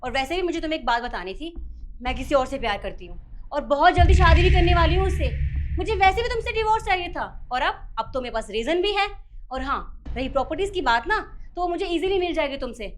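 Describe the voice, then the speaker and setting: A woman playing a sharp-tongued scheming wife. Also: sits high, animated, fast talker, a little hiss or hum. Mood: cold. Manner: scolding, accusing. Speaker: lady of the house.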